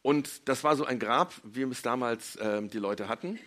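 Lively man telling Bible stories to kids. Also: mid-range voice, moderate pace. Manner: lively, acts out quotes with big swings in loudness. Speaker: children's church leader.

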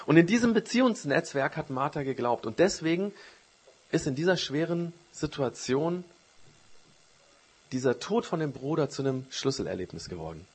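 A man preaching a sermon, retelling a Bible story with a storyteller's rise and fall and dropping low for quoted words. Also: slightly rough.

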